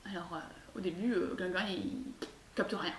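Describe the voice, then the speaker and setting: A woman's voice: fairly low pitch, moderate pace. Chatty woman telling a folk tale. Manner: chatty, hesitant, many fillers and asides. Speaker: storyteller. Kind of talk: casual oral storytelling. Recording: echoey room, far mic, faint hiss.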